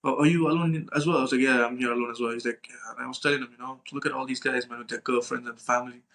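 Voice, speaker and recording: Very fast yet steady in tone, a young man with a medium-pitched, fairly bright voice shares casual anecdotes as a podcast co-host. He's informal and slangy, curses freely, plays out dialogue, and keeps adding "right?"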